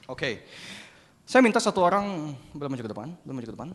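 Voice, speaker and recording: A man preaching a sermon to a youth congregation as an animated, joking storyteller. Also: fairly high pitch, quick pace. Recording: echoey church hall.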